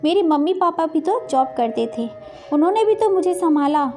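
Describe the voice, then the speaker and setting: A woman plays a gentle young pregnant wife from a storybook who pleads and reasons. Her voice is high and mellow, with soft music beneath. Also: lively intonation, normal speed. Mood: pleading. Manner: pleading, tearful.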